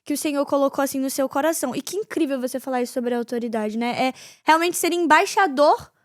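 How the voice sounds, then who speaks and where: Bright-voiced enthusiastic woman host. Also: high-pitched, fast, no room sound, studio quality. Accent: Brazilian Portuguese. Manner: enthusiastic, frequent affirmations. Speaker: podcast host. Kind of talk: interview chat.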